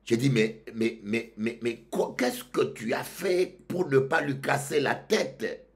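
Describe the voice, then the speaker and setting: A male pastor from Congo, preaching a sermon that swings from loud outbursts to low murmurs. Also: expressive, slow.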